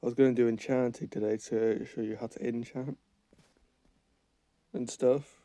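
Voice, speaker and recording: A gaming channel host with a cold, his voice fading, rambles through gameplay commentary, thinking aloud and correcting himself as he plays. He speaks at medium pitch with a level, dark tone and a moderate pace. The recording is dry.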